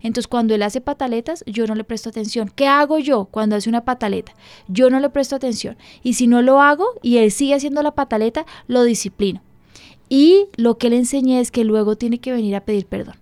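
A woman's voice: on the high side, fairly quick, a little mellow, dry recording. A woman pastor hosting a radio program, giving emphatic, earnest parenting advice in a conversational way. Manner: earnest, emphatic, acts out dialogue with her child.

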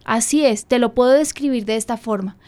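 High-voiced woman pastor. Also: darkish tone. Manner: heartfelt, confessional, slows down for emphasis. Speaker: pastor and radio show host.

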